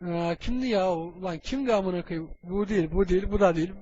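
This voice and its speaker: A man's voice: high voice, brisk, darkish tone, dull audio, a little hiss or hum, natural voice. A man doing a crude, muttering young superhero. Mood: bossy. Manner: mumbling to himself, casual swearing. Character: crude young superhero bossing his computer. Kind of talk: comedic fan dub.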